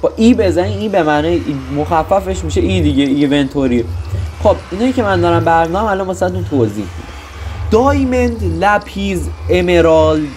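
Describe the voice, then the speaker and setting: Lively young man explaining a game. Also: sits high, soft background music. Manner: rambling, loose, with restarts and joking asides. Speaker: gaming tutorial host. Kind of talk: casual gameplay tutorial.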